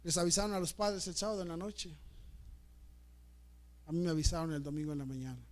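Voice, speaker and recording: A man's voice: a little high, steady tone, brisk. A middle-aged male pastor, preaching a story-driven sermon with emotional, repetitive delivery. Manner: emotional, repeats words, dramatic swings in loudness.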